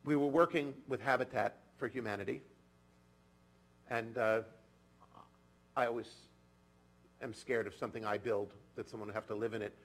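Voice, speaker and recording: Husky, gravelly man preaching earnestly. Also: mid-range voice, fairly even intonation, normal speed, long pauses, rough recording. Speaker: clergy. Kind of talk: sermon. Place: synagogue sanctuary.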